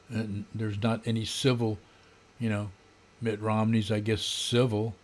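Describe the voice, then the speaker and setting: An older American man in his seventies giving an unscripted, sardonic, grumbling rant in a halting way, often clearing his throat. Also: fairly low pitch, flat delivery. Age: older, around 70s. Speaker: political vlogger. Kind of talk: unscripted political rant to camera. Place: small home room, indoors. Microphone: desk condenser microphone.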